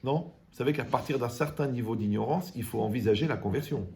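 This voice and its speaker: A man giving a lively Torah class, joking and asking his audience questions. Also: medium pitch, quick pace, gravelly, slight background noise. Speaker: Torah teacher.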